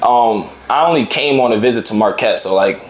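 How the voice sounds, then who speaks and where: A man's voice: medium pitch, a little fast, roomy sound, low-quality recording. A young man from Boston, a college basketball player, chatting loosely with lots of slang and fillers as an interview guest. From Boston, Massachusetts. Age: young adult. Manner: relaxed, loose slangy talk with many fillers. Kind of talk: casual interview chat.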